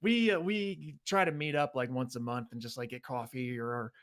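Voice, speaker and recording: A man's voice: mid-range voice, steady tone, normal speed. A man co-hosting a casual podcast chat, rambling and chuckling, with frequent restarts. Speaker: podcast co-host. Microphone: webcam and desk microphone.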